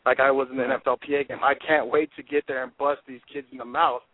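A football player in his twenties, a draft prospect, is interviewed over a dry, tinny phone line. His medium-pitched voice is level and fast, and he comes across as intense, confident, and driven.

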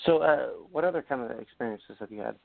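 Male radio host, casual and hesitant, gravelly voice, phone-line sound. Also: mid-range voice, animated, fast talker, no room sound. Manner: hesitant, restarts his sentences. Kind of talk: casual interview chat.

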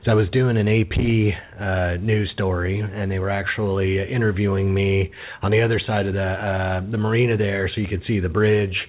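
A man's voice: on the low side, little pitch movement, moderate pace. A man hosting a casual podcast interview, chatty and full of "you know" fillers. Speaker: podcast host. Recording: phone-like narrow audio.

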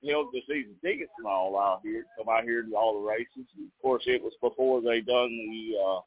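A man's voice: fairly low pitch, moderate pace. A man chatting casually and in a folksy, easygoing way as a race fan interviewed over the phone. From Nashville area, United States. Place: outdoors in a campground pool beside a racetrack. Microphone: phone call. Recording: narrowband phone-like call, dry.

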